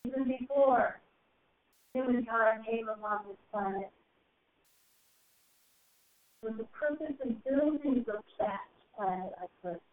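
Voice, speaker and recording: Over a tinny phone line, a woman channels a spiritual message to a group. Her fairly high voice moves in slow, solemn, drawn-out phrases that swell and soar.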